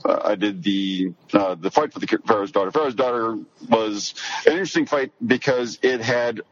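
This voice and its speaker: Halting middle-aged American man, dull lo-fi audio. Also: on the low side. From rural Missouri, United States. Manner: halting, rambling storytelling. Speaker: podcast guest, sword-fighting hobbyist. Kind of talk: casual interview chat.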